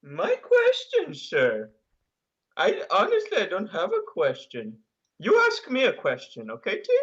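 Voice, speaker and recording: A man's voice: high-pitched, huge pitch swings, measured pace, lo-fi sound. A man prank-calling a talk show in an exaggerated fake Swedish accent, swearing and picking fights. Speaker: caller. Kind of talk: prank call-in.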